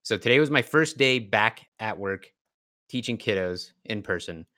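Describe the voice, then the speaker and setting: A tired man, slightly hoarse from yelling, hosting a podcast in casual chat. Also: lowish voice, expressive, moderate pace. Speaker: podcast host.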